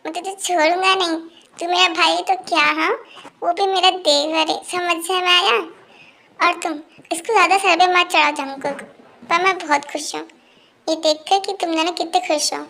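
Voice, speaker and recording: Amateur dubber doing a scolding in-law, very high gravelly voice. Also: fairly even intonation, moderate pace, pushed and bright, heavily acted. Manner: scolding, bossy. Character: bossy protective in-law, scolding and teasing. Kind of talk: amateur Hindi fan-fiction dub.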